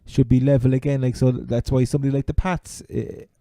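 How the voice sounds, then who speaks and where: A man's voice: medium pitch, little pitch movement, brisk, gravelly, mellow, no room sound, clean studio sound. A man with an Irish accent from Cork, co-hosting a casual chat about sport. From Ireland. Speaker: sports podcast co-host.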